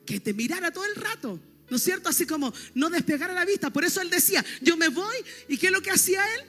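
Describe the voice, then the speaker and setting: A high-pitched woman pastor delivers an emphatic teaching sermon and keeps checking in with her congregation. Her voice rings with a long reverb, as in a church hall, and faint music plays underneath. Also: expressive, fast talker, pushed and bright.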